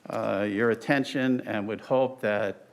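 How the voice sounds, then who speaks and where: An older man, an attorney, giving a halting, deliberate oral argument in court. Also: on the low side, steady tone. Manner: halting, deliberate, with stretched pauses. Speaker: attorney arguing on appeal. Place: large courtroom. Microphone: lectern microphone, speaking through a face mask.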